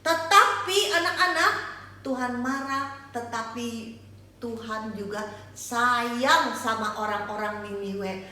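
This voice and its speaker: A woman's voice: fairly high pitch, slow, pushed and bright. An older woman teaching Sunday school, telling a Bible story animatedly, asking the children questions and singing snippets. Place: church hall. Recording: echoey church hall, from far off.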